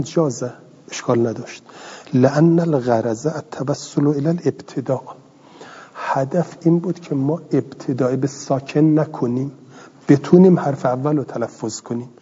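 Middle-aged male teacher, mellow breathy voice, patient line-by-line explaining, lo-fi hall recording. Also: mid-range voice. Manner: reads a line then explains it, slow and patient. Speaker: teacher of Arabic grammar. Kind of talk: classroom lecture reading and explaining a text. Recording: dull lo-fi audio in a hall.

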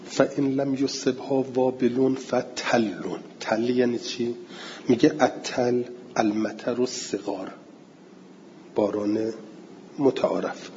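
A man teaching a class, explaining word meanings step by step, asking and answering his own questions and slowing down to recite verse. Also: mid-range voice, a little mellow, big-room sound, dull audio, slight background noise. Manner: slows down to recite Arabic verse and terms.

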